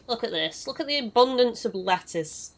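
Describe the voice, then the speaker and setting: A young woman gives chatty, meandering live commentary on her gameplay, greeting viewers as she goes, though her voice is worn from having lost it lately. She sounds fairly high-pitched and expressive at a moderate pace, with slight noise behind her.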